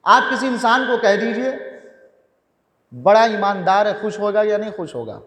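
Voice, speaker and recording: A man with a high, bright voice preaches a sermon, driving home repeated phrases in a call-and-response rhythm. He speaks in a mosque hall. The sound rings with a long, roomy reverb. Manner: repetitive call-and-response preaching, climbing to shouts. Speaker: preacher at a mourning gathering.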